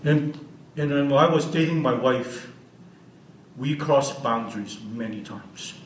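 A man's voice: mid-range voice, slow, background noise. A man of sixty giving an unscripted church teaching as a guest speaker, earnest and often asking the audience questions. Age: 60s. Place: church hall. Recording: roomy hall audio from a distance.

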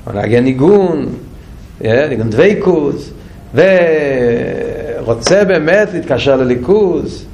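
A man teaching a Torah class, asking questions and repeating phrases, moving between a raised, urgent delivery and a low, quiet one. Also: expressive.

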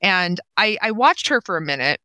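A woman's voice: mid-range voice, big pitch swings, normal speed, sharp tone, no echo, clean studio sound. A woman in her forties telling a personal story in a casual, emotional way, acting out the voices of the people in it. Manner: emotional, acts out quoted dialogue. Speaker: guest, nonprofit co-founder.

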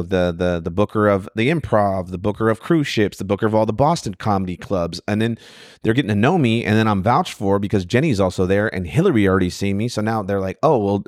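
A man's voice: on the low side, fast, no room sound, clean studio sound. A man, a stand-up comedian, telling road stories in a casual podcast chat, acting out quotes and swearing freely. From Sacramento area. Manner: animated storyteller, acts out quotes, swears freely. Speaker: comedian guest.

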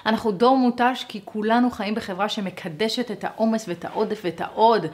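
Animated woman teaching a lesson. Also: medium pitch. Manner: animated, acts out quoted dialogue; conversational, speaks straight to listeners.

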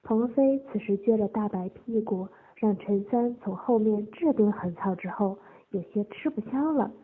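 A woman narrating an adult audio story in a steady reading voice. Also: medium pitch, moderate pace, husky. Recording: tinny phone-like lo-fi audio.

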